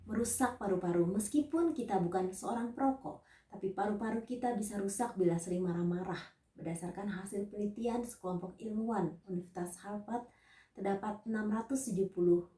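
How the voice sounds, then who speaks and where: A woman evangelist giving a scripted teaching sermon, reading out numbered points and Bible verses in a measured way. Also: medium pitch, warm tone, roomy sound, distant mic.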